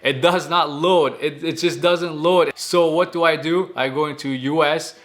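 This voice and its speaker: A man's voice: a little high, steady tone, a little slow, a bit bright. Chatty young man vlogging a food review. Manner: chatty, enthusiastic, addresses viewers as you guys. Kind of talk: casual mukbang vlog with sponsor read. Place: in a car. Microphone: phone camera.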